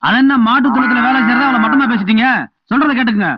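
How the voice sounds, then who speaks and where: A man's voice: very high-pitched, very fast, breathy edge, dry recording. A man playing a talkative, cheeky hired laborer in a film comedy. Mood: mock-solemn. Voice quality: chatty, mock-solemn. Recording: dull lo-fi film soundtrack with music.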